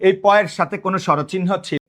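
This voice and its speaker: A man's voice: high voice, rapid-fire, a bit bright. A man with a Bangladeshi accent teaching a live online grammar class, asking the same questions again and again and calling himself big brother to his students. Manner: drilling students with repeated questions.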